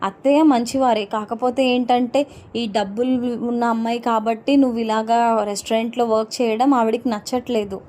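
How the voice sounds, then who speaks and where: A woman's voice: on the high side, fairly even intonation, normal speed, darkish tone, close to an everyday voice. A woman doing an earnest worried husband. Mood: pleading.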